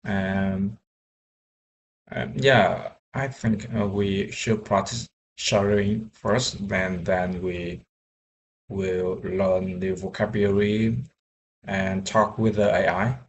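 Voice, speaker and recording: A young man, a software engineer learning English, talking casually in a vlog, halting with many fillers and restarts. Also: sits low, steady tone, slight background noise, poor audio.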